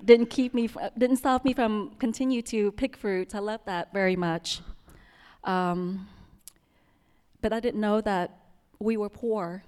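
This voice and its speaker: Woman with a Vietnamese accent, smooth clear voice, soft-spoken with pauses, personal story for an audience, long reverb of a hall. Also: medium pitch, steady tone. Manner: soft-spoken, with frequent ums and restarts.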